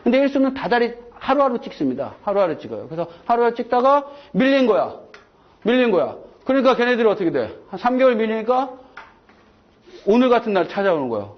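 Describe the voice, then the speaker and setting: A man's voice: very high-pitched, big pitch swings, fast talker. A man giving a chatty classroom law lecture, digressing and checking in with his students. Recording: dull lo-fi lecture recording.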